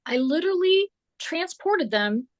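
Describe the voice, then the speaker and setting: A woman author joins a casual conversation as a guest, chatty and slightly hoarse, rambling through her answers with lots of filler words. Her voice is very high-pitched and very animated, yet her pace is unhurried.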